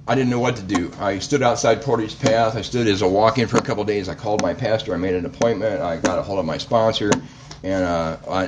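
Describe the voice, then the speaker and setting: A man speaking at a recovery meeting, giving a halting, reflective personal testimony. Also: lowish voice, noisy background.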